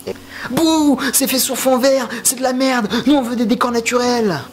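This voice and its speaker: A man putting on a high, whiny voice to mock a sneering critic. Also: steady tone, normal speed, a little hiss or hum. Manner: mocking, exaggerated squeal.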